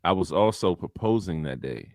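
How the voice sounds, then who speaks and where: A man's voice: deep voice, expressive, moderate pace, no echo, clean studio sound. A married man co-hosting a casual sports talk show, telling stories in a laid-back way. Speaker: podcast co-host.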